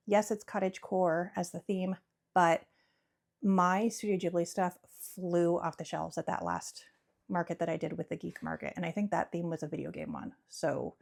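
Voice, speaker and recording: A woman's voice: lowish voice, creaky, darkish tone. A young woman chatting casually about her crochet projects, rambling and giggly, often correcting herself. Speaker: crochet vlogger and small business owner. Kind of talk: casual chat.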